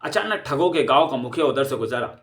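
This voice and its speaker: A man narrating an audio comic story in a steady, expressive storytelling manner. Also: medium pitch, brisk.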